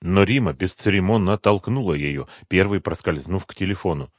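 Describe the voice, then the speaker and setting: A man narrating an audiobook in a calm, even storytelling manner. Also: low voice, fairly quick, no echo, clean studio sound. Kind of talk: scripted narration.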